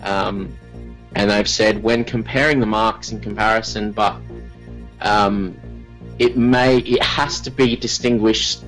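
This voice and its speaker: A man's voice: lowish voice, fairly even intonation, slow pace, a bit bright, soft background music, poor audio. Jokey man reading gaming news. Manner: loose, jokey, stumbles when reading news. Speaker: podcast co-host. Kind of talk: casual gaming podcast chat.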